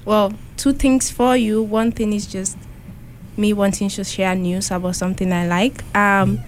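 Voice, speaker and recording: A woman's voice: mid-range voice, steady tone, measured pace. A young woman, chatting casually as a radio co-host. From West Africa. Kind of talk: casual chat. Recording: faint background noise.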